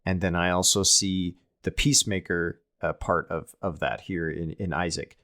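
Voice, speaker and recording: A man's voice: deep voice, fairly even intonation, normal speed, bright, forceful tone. A man co-hosting a casual scripture discussion podcast, talking thoughtfully and often restarting and repeating words as he works through a point. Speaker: podcast co-host.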